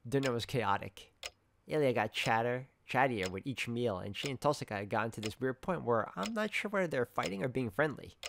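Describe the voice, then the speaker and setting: A man's voice: medium pitch, vocal fry, a little hiss or hum. A man reading first-person story narration aloud from a visual novel. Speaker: reader of a visual novel playthrough.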